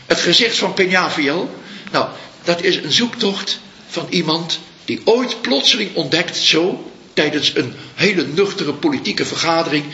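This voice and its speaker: A man giving a reflective Buddhist dharma talk as a teacher, speaking slowly and searching for his words. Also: on the high side, bright, forceful tone, a little hiss or hum. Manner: slow, searching, pauses to find words. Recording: echoey room, dull lo-fi sound.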